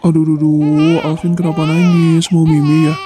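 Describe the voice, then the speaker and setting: A young performer voicing a young father who fusses over his crying baby son in a fan drama, talking in soft, coaxing baby talk. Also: medium pitch, little pitch movement, normal speed, natural voice. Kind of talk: amateur game-animation drama voicing. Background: background music.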